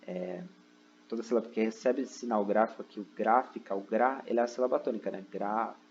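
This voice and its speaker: A man's voice: lowish voice, steady tone, fast, a little mellow, a little hiss or hum. Man, teacher, step-by-step explaining, frequent check-ins, dull home recording. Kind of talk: recorded online lesson. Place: seated at a computer indoors.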